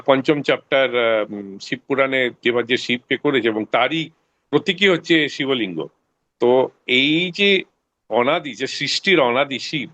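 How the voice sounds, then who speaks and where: A man's voice: medium pitch, a bit bright. A man in a study group gives a rambling explanation with many hesitations and fillers. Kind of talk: explanatory discussion.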